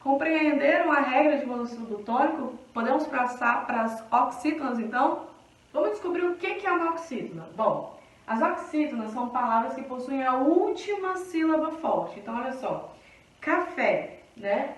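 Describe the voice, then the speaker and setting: Brazilian woman teacher, high voice, patient and explanatory, recorded off-mic in a very echoey room. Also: lively intonation, moderate pace, recorded from a distance. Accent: Brazilian Portuguese. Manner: explanatory, checking in often with the class. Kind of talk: recorded grammar lesson.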